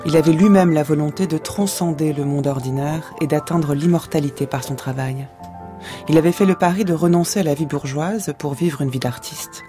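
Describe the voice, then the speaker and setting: Man reading a script over faint music. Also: on the high side. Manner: measured, even reading. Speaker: radio host. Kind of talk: scripted narration.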